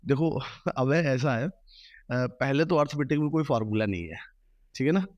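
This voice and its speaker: A man's voice: mid-range voice, expressive, moderate pace, no room sound, dull audio. A man who teaches maths, giving earnest advice to exam students in an interview. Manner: earnest, advising students directly. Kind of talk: interview answers.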